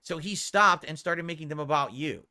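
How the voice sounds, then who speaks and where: A man's voice: a little high, moderate pace, pushed and bright, no echo, studio quality. A man giving commentary that sounds read aloud.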